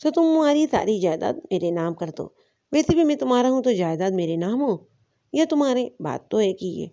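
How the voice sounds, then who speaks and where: A woman's voice: medium pitch, animated, warm tone, muffled recording, close to an everyday voice. A woman reading as a scheming sweet-talking husband. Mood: coaxing.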